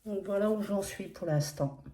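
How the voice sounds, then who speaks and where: In this casual flosstube progress update, a woman speaking French with a non-standard accent shows her cross-stitch projects. She has a mellow, mid-range voice at a moderate pace, and her talk is chatty, hesitant and apologetic, full of fillers.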